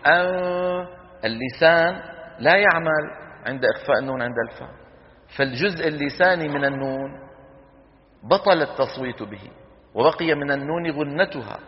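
A middle-aged man leads a recitation class, his slightly high voice pausing to quiz students and demonstrate each sound. The recording is dull, with a long hall reverb around him. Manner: asks students quick questions and answers them himself, demonstrating sounds aloud. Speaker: Quran recitation teacher. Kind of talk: classroom lecture with questions to students.

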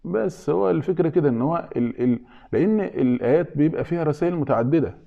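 Egyptian guy teaching religion, rattles along super fast, keeps asking "what?" and answering it himself, muffled recording. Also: on the high side, lively intonation, vocal fry. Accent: Egyptian Arabic. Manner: asks questions of listeners and answers them himself. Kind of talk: informal religious lesson.

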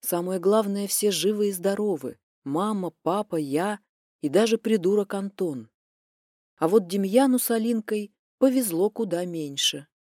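A woman narrating a first-person novel in an expressive storytelling voice. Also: mid-range voice, measured pace, no echo, clean studio sound. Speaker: audiobook narrator.

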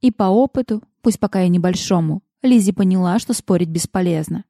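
A woman reads a romance novel aloud in calm, scripted storytelling. Her voice sits low and sounds mellow and dark. The recording is dry, with no room sound. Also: a little fast, no room sound. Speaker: audiobook narrator. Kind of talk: scripted narration.

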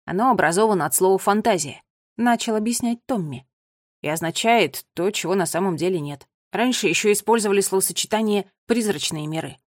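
A woman puts on a bookish young boy in a storybook, explaining earnestly in a lowered voice. The sound is close and dry. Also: a little fast, dry recording, lightly acted.

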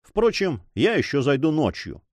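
A man voicing a calm ship's doctor who speaks in a reassuring way. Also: a little high, moderate pace, dry recording.

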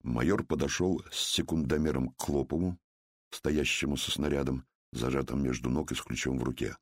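A man with an extremely deep, husky voice narrates a first-person memoir. He tells it in a calm, measured way, and the recording is close and dry with no room sound. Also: no room sound.

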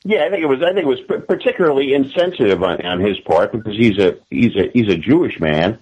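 An American man with a classic radio-style voice talks conversationally as an interview guest, often haltingly repeating and restarting his phrases. His voice is medium in pitch and husky with lively intonation, and the recording sounds muffled.

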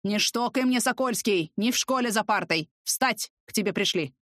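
A woman reading an audiobook, voicing a gruff, bossy middle-aged police officer who barks orders and lectures. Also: medium pitch, moderate pace, a bit bright, dry recording, clean studio sound, close to an everyday voice. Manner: barking, commanding, fatherly lecturing. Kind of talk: audiobook character voice.

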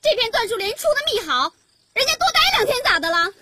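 A male storyteller voicing a fierce young village woman who cries out her demands in a shrill, tearful voice. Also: big pitch swings, quick pace, sharp tone, no room sound, heavily acted. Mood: indignant.

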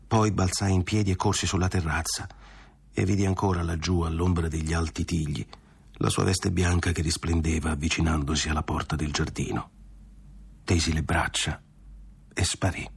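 A man narrating a classic novel as an audiobook, with a measured, dramatic reading. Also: deep voice, flat delivery, vocal fry, husky. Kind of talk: literary reading.

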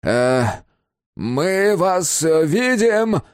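A man voicing a pushy male manager who shouts orders in a strained, overly loud way, in an audiobook. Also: mid-range voice, wildly swooping pitch, moderate pace, dry recording, clean studio sound. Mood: shouting. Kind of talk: audiobook character voice.

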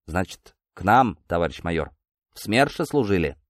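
A man voicing a fussy, gruff older militia sergeant major in an audiobook, talking breathlessly and then deferentially. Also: mid-range voice, very animated, a little fast, no room sound, studio quality, pitched above the performer's own voice, natural voice.

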